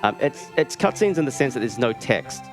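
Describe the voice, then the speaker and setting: At a live speedrunning marathon, a man with a New Zealand accent cracks dry jokes and chats casually over his gameplay, with game music behind him. His mid-range voice swings widely in pitch and moves fairly quickly.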